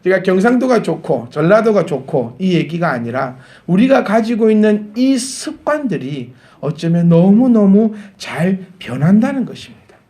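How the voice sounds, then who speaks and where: Animated Gyeongsang pastor preaching. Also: male voice, sits high, moderate pace, hardly any pauses. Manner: animated, rising to emphatic peaks, laughs with the congregation. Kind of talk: sermon. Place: church sanctuary.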